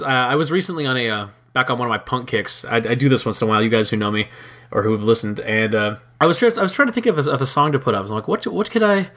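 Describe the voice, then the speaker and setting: A man hosting a casual solo podcast, hoarse-voiced, rambling with many fillers and restarts. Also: medium pitch, pushed and bright. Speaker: podcast host.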